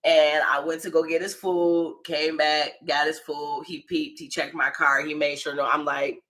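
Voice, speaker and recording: A deep-voiced American woman relates a personal anecdote at a normal speed, her delivery flat but her tone fairly bright. Her language is slangy and full of profanity, she voices the people in the story, and she checks in with the listener.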